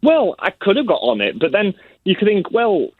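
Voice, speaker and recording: A Yorkshire man calls in to a radio show on a thin, tinny phone line. His voice is high and very lively in pitch. He tells stories casually and cheerfully, slipping into quotes as he goes. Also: fairly quick, no echo. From Leeds, England. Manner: cheerful, blunt storytelling with acted-out quotes. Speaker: caller to a radio talk show. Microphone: phone call.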